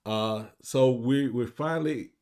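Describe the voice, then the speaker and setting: A middle-aged man co-hosting a casual recap show, laid-back and joking, with lots of drawn-out fillers. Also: mid-range voice, darkish tone, smooth. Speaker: podcast co-host. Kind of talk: casual chat.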